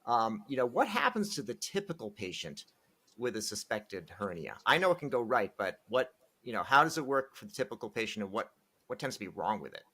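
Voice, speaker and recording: A man's voice: medium pitch, very animated, brisk, bright, forceful tone, breathy edge. Guy hosting a podcast, easygoing questions, kinda restarts a lot. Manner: friendly, loose questioning with restarts. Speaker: podcast host. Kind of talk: interview podcast.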